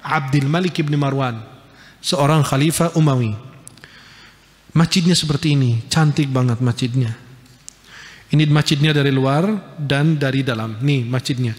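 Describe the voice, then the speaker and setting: A man preaching a casual religious lecture, lively and jokey, pointing at pictures as he talks. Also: medium pitch, normal speed, pauses often, in a large hall. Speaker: Islamic preacher.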